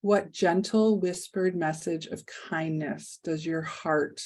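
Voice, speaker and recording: Speaking softly and calmly with long pauses, a woman leads a guided meditation in a fairly low voice that keeps a steady tone.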